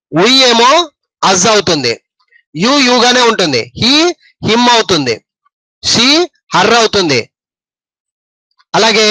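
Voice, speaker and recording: A man with a high, bright voice and a Telugu accent teaches English grammar slowly, repeating words and often stopping to quiz his listeners. The recording is rough but dry and close, with no echo.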